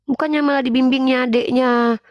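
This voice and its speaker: Woman preacher on a livestream, scolding hard, a bit high-pitched, dry close sound. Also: steady tone, fairly quick, no echo, muffled recording. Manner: stern and scolding, repeats accusations. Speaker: livestream Islamic preacher and host. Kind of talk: scolding live-stream lecture.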